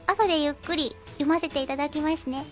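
A woman with a high, cute voice hosting an internet radio show, chatting casually and reading out listener comments with giggles and fillers. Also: steady tone, quick pace. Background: faint background music.

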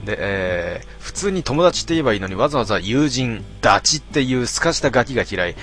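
A man casually reading out listener posts and answering each one with dry, deadpan remarks. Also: mid-range voice, fast, soft background music. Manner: deadpan, wry retorts between readings. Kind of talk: casual commentary reading comments.

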